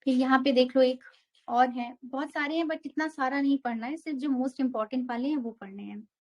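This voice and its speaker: A woman's voice: high-pitched, fairly quick, a little mellow. A young woman teaching an exam prep geography lesson, walking through a map step by step and mixing English terms into her Hindi.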